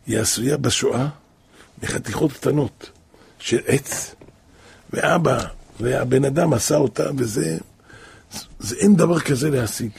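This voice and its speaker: A man voicing a calm shopkeeper who explains things in a matter-of-fact way. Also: medium pitch, vocal fry, pauses often, slightly rough. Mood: explaining.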